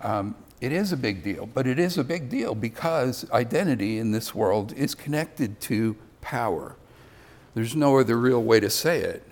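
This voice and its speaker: A man's voice: medium pitch, expressive, moderate pace, darkish tone. An older man giving a conversational sermon, with self-deprecating asides. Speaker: preacher.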